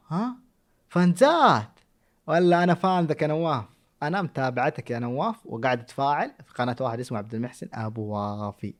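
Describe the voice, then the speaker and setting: A man with a Hejazi Saudi accent, a content creator answering follower questions in playful, teasing chat. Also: medium pitch. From Saudi Arabia, Jazan. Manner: playful, teasing, jumps between loud bursts and mutters. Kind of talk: casual chat.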